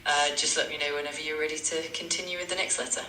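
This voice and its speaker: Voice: medium pitch, little pitch movement, fast, bright, forceful tone, roomy sound, far from the mic, slight background noise, low-quality recording. A synthetic AI language tutor voice, polite and eager to please, repeating stock phrases. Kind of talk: chatbot tutoring replies.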